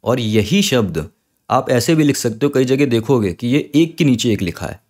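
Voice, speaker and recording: A man teaching an online Sanskrit lesson, patiently spelling words out slowly, sound by sound. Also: medium pitch, lively intonation, a little mellow.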